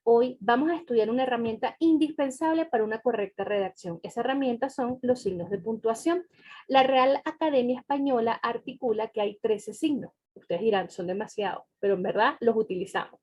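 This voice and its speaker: A woman with a somewhat high voice teaches a recorded grammar lesson. She explains each point step by step and often checks in with her students with a quick question. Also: a little mellow.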